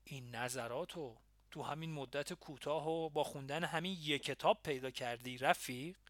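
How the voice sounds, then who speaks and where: A man's voice: a little high, no echo, natural voice. A man voicing an angry male militant comrade who mocks and scolds younger members in an audiobook. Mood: mocking. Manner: mocking, then shouting and scolding.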